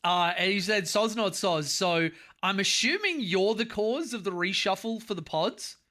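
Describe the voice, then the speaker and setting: A man with an Australian accent hosting a casual gaming podcast over a call, animated and swearing casually. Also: high-pitched, moderate pace. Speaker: podcast host.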